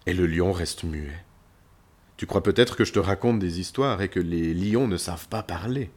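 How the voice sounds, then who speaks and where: A man narrating a guided imaginative story for children, speaking gently and reassuringly to the listener. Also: low-pitched, normal speed.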